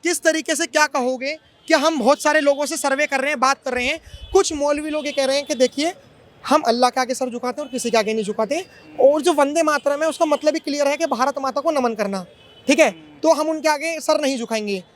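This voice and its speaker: Male street reporter, very high pitch, quick pace, pushes hard with repeated questions. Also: a bit bright. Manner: pressing, insistent questioning. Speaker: street interviewer. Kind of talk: street vox-pop interview.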